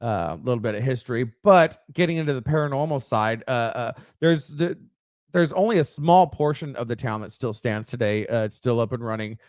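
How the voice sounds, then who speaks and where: A middle-aged man co-hosting a casual podcast, blunt and profane, halting with lots of fillers. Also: mid-range voice, darkish tone, dry recording, studio quality. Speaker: podcast co-host. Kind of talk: casual chat.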